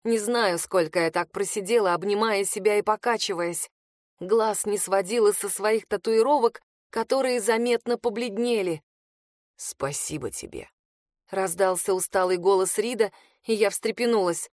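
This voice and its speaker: Female audiobook narrator, mid-pitched, steady and expressive, dry close recording. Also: normal speed, dry recording. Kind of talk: first-person fantasy audiobook narration. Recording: dry close studio sound.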